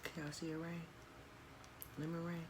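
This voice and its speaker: A woman's voice: low-pitched, flat delivery, moderate pace. A woman doing mukbang eating, chatting in a folksy way to viewers between bites with appreciative mmm sounds. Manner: folksy, addresses viewers as y'all. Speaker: mukbang vlogger. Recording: clearly noisy background.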